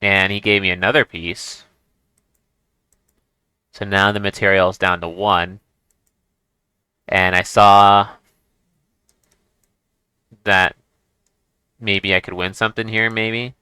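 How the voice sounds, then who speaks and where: A man's voice: sits low, little pitch movement, slow pace, pauses often, sharp tone, clean tone, no echo. A man giving casual chess commentary as he plays, thinking aloud and restarting his sentences. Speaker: chess streamer.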